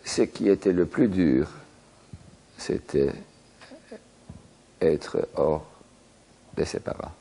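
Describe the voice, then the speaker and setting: An older man recalling being separated from his parents, halting and fading to near whisper. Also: very deep voice, dark tone, husky. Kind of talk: recalled testimony.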